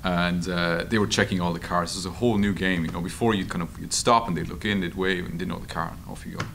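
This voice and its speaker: A low-voiced Irish journalist and author, with vocal fry, speaks haltingly and informally into a table mic in a meeting room, answering interview questions at a public discussion through anecdotes. Steady room noise is audible throughout.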